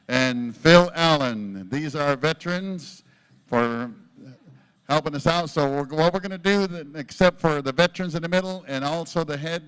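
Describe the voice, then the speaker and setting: Clear, slightly high-voiced man making announcements. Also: fairly bright tone, poor audio. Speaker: powwow announcer. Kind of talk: informal live event announcements. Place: powwow at a casino event, over a PA.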